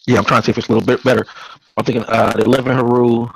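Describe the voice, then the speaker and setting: A man in a class, reading his translation attempt over a live call in a halting way, his mic distorted and breaking up. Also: medium pitch, level tone, gravelly, slightly rough, no echo. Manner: halting, tries words out and corrects himself. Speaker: class participant.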